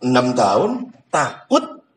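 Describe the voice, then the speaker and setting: A man's voice: medium pitch, huge pitch swings, takes it slowly, low-quality recording. A man giving a humorous sermon, joking and laughing often. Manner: jokes and laughs often, mixes in Sundanese. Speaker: preacher.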